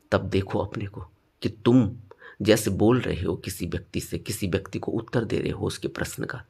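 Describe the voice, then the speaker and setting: A man teaching meditation in a spoken dharma talk, stressing points with sudden rises and then dropping low. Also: a little mellow, breathy edge.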